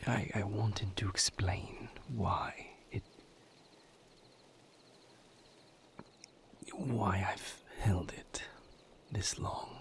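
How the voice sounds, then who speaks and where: For an intimate audio roleplay, a man voices a brooding, tender vampire lover in a low, breathy whisper that's slightly bright. He speaks slowly and hesitantly, choosing formal, careful phrases and pausing as he confides in his beloved. The mood is apologetic and tender.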